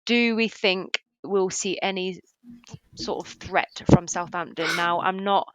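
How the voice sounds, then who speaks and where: A woman hosting a casual football podcast, chatty and quick to laugh as she steers the talk. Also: lowish voice, noisy background. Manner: laughs easily, loose and chatty. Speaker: podcast host.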